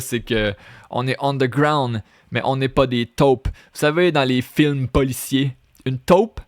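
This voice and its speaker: A man with a Québécois French accent talks through his rap lyrics in a slow, deliberate lesson. He repeats phrases and switches into English to explain them, at a middle pitch, in a dry recording with no room sound. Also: no room sound. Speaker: French teacher and rapper.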